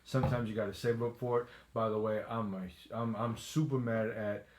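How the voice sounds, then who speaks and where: A man co-hosting a casual sneaker chat show with a noticeable accent, easygoing and quick to laugh, often restarting his phrases. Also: on the low side, fairly even intonation. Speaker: co-host. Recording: echoey room.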